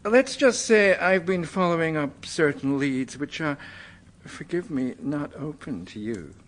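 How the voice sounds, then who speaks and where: The speaker is a male actor in a radio drama, cast as an American manuscript collector who turns evasive and flustered easily while remaining polite but defensive, with occasional stammers. He sounds guarded and animated, pitched on the high side and a little slow, over slight background noise.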